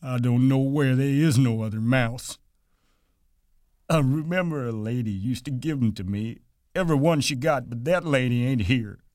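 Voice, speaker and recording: A man's voice: medium pitch, moderate pace, a little mellow, no echo, clean studio sound, voice pushed up, natural voice. A man voicing a big, simple-minded, childlike man who talks in a plaintive, apologetic way. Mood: sad.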